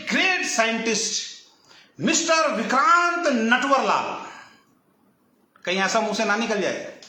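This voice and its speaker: A man's voice: extremely high pitch, bright, forceful tone, echoey room. A man hosting a live stream, talking at length in a teasing, mocking manner about nicknames and business rivals. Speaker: direct selling channel host.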